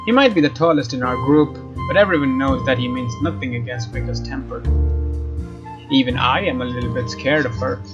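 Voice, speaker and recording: Hosting a let's play, a man with a medium-pitched voice reads game narration aloud casually and a little fast, sometimes rereading phrases. The mic sounds slightly dull, and game music with guitar plays behind him.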